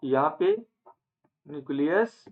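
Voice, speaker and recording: A man teaching an online lecture, asking questions and answering them himself, with English terms mixed in and some phrases drawn out slowly. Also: a little high, animated. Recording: phone-like narrow band.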